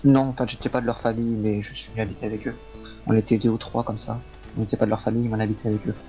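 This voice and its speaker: A man's voice: lowish voice, very fast, soft background music. A man speaking in character in a western roleplay, hesitant and full of fillers while he answers questions. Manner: hesitant, many fillers, flat delivery. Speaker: roleplay player questioned by lawmen.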